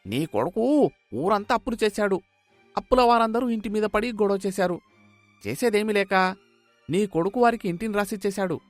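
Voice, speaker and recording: A man voicing a sympathetic older villager in an animated storybook, speaking with exclaiming concern. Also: high voice, normal speed, pauses often, no echo, faint music behind, voice pushed up. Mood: grave. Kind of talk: storybook voice acting.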